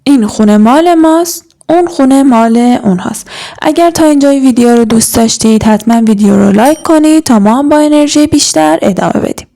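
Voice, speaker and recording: Young woman, grammar teacher, mellow tone, slightly high voice, slow drawn-out explaining. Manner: slow, deliberate, stretching out words. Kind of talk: explaining and modeling sentences.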